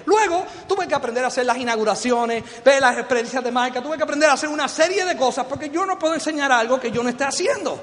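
A middle-aged man from Puerto Rico with a Puerto Rican Spanish accent, giving a motivational business speech to a live audience. He is animated and joking, acts out quoted voices, and asks the audience questions. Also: very high voice, fast, few pauses. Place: large hall before an audience. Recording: long hall reverb.

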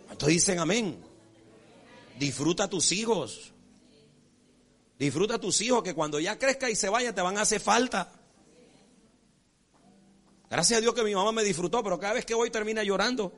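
A man preaching a sermon as pastor, folksy and animated, acting out characters and checking in with his congregation. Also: sits high, moderate pace, long pauses. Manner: repeats rhetorical check-ins with the congregation.

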